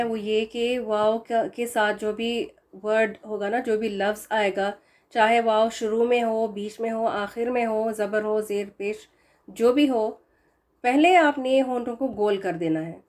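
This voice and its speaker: A woman teaching a recitation lesson, explaining pronunciation patiently and repeating example words slowly. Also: fairly high pitch, a little mellow.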